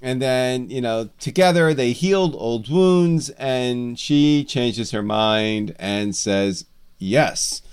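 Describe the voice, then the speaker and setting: Guy on a comics podcast, smooth clear voice, rambly and jokey. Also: mid-range voice, slow pace. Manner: rambling, jokey, many fillers. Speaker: podcast co-host. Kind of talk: casual comics podcast chat.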